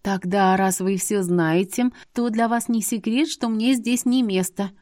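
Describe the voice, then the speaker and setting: A woman's voice: medium pitch, normal speed, a little mellow, no room sound, studio quality, natural voice. A woman voicing a stubborn young heroine who talks back insistently in a storybook reading. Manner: insistent, exclaiming.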